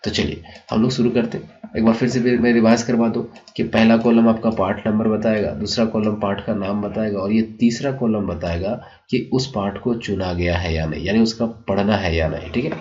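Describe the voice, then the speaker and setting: Man teaching a class, low voice, dull lo-fi recording, patient explanatory manner. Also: steady tone, a little fast. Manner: repeats "ठीक है" and addresses children warmly, explanatory. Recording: dull lo-fi sound.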